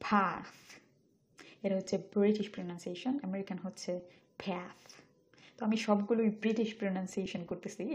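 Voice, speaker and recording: A woman teaching English pronunciation, saying each word slowly twice and then explaining it. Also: mid-range voice, darkish tone, lo-fi sound. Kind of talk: spoken language lesson.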